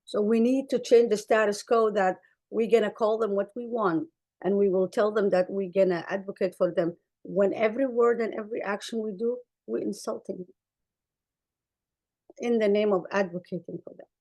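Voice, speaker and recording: A woman clinician from Somalia delivers a conference talk with slides over a rough recording, her mid-range voice dark in tone, even in intonation, and at normal speed. Her first language is Arabic, and she presents earnestly and emphatically, repeating phrases to stress them.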